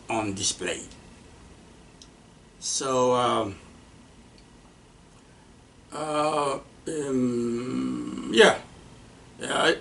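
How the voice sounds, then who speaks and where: A man lectures on early aviation, stopping often and restarting his sentences with plenty of fillers. He talks slowly at a middling pitch. The mic sits some distance away and picks up a faint hiss. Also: gravelly, fairly bright tone. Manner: halting, many fillers and restarts. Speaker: aviation instructor. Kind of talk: unscripted lecture.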